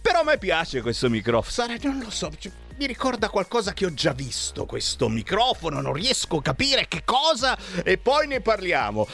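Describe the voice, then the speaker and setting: A man's voice: wildly swooping pitch, moderate pace, gravelly, a bit bright, soft background music. Theatrical jokey male radio host. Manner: theatrical, jokey, swings pitch up and down. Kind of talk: radio show hosting. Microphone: studio microphone.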